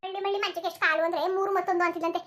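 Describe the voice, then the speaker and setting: Woman voicing a shrill scolding old village granny. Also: flat delivery, sharp tone. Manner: rapid scolding, cursing. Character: sharp-tongued old village grandmother, scolding.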